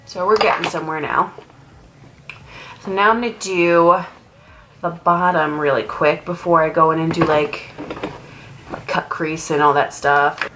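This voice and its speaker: Her voice is low, steady and fairly bright, moving a little slowly with long pauses over a faint hiss or hum. She's a young woman and makeup artist, nasal with a cold, talking casually at home while putting on makeup. The get-ready-with-me chatter is loose and rambling, full of "like."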